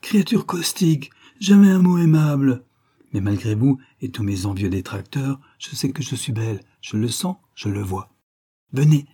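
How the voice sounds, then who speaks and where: A man's voice: medium pitch, lively intonation, moderate pace, mellow, slightly rough, voice pushed up. A man voicing a vain, flighty eighteen-year-old schoolgirl who gushes and boasts. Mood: gushing. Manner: boastful, gushing, a little hysterical.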